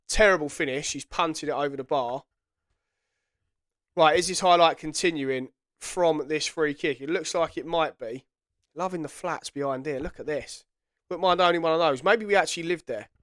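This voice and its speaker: Here's a man whose fairly bright, slightly high voice comes through as clean studio sound with no room sound at all. He's a gaming YouTuber, congested from a head cold, offering casual, self-correcting commentary on a football management game.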